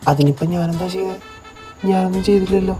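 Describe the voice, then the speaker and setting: A doting middle-aged mafia husband, voiced by a woman speaks in a lowered, gruff voice as he coaxes and soothes his wife. Music plays clearly underneath this fan story. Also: steady tone, fast talker, warm tone, close to an everyday voice. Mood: teasing. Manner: coaxing, placating.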